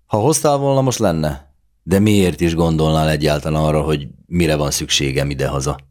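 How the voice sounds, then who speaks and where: A man reading aloud who voices a bitter, sharp-tongued young woman, snapping and accusing in a raised voice. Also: deep voice, voice pushed up, close to an everyday voice. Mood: bitter, angry.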